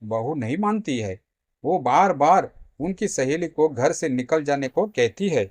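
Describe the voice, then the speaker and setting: A man narrating a family drama story in a dramatic, expressive way. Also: on the high side, unhurried, no room sound.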